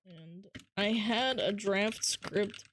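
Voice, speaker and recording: On a livestream, a nasal-voiced woman chats casually and reads out viewer comments, teasing playfully and laughing often. Her pitch is medium, she draws out her words, and there's a slight hiss or hum in the audio.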